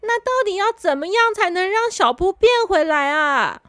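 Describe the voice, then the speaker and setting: A woman's voice: very high-pitched, expressive, normal speed, fairly bright tone, dry recording, pitched above the performer's own voice. A woman voicing an anxious young girl who stammers and sounds close to tears. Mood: fretful. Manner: stammering, teary.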